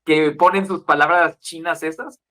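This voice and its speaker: A man's voice: fairly high pitch, steady tone, moderate pace, sharp tone. A man in his twenties with a Guadalajara Mexican accent, a podcast guest explaining at length in casual chat, listing examples and tagging questions onto his sentences. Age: 20s. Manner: lecturing, lists examples, frequent tag questions.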